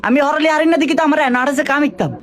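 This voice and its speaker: A man's voice: extremely high pitch, fairly even intonation, very fast. A man playing a dim-witted, argumentative tailor's apprentice in a comedy skit, with a regional southeastern Bangladeshi accent. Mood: indignant defence. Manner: argumentative, complaining. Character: dim-witted, literal-minded, cheeky young tailor's apprentice. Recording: noisy background with clicks.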